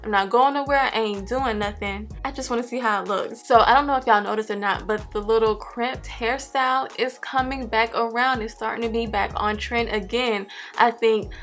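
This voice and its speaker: Casting: female beauty vlogger, somewhat high voice, lisping slightly around dental aligners, casual and chatty, faint music underneath. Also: steady tone, moderate pace, hardly any pauses, fairly bright tone. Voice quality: slight lisp from wearing clear dental aligners. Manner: informal, chatty, talking to viewers as friends. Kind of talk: casual chatty hair tutorial to camera. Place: carpeted bedroom, indoors.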